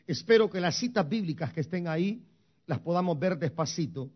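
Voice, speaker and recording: Emphatic high-voiced preacher man. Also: expressive, fairly quick, lo-fi sound. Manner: emphatic, addresses the congregation directly; slips into English phrases. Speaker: pastor. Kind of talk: sermon.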